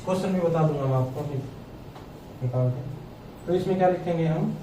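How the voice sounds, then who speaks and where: With a fairly high, warm voice at a normal speed, a male math teacher gives a classroom lecture, explaining each step and checking often on his students' understanding. A little hiss or hum can be heard, and he sounds distant in an echoey room.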